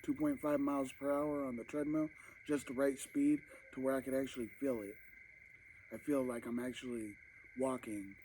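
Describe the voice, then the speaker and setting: A man's voice: mid-range voice, little pitch movement, moderate pace, darkish tone, slight background noise, rough recording. A man vlogging casually to camera while eating, rambling and talking with his mouth full, at home at night. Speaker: mukbang vlogger.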